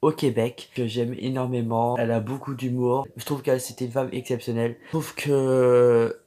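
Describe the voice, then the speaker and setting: A man's voice: mid-range voice, flat delivery, moderate pace, mellow. A man hosting a casual vlog, speaking affectionately to viewers and stumbling over fillers and restarts. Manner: hesitant, many fillers and restarts. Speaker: beauty YouTuber host.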